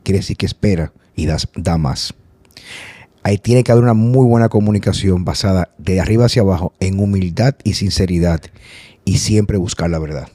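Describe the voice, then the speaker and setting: Low mellow guy hosting a podcast, rambly, lots of restarts, dry close sound. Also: normal speed, no echo. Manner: conversational and rambling, with many restarts. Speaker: podcast host. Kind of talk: casual conversation.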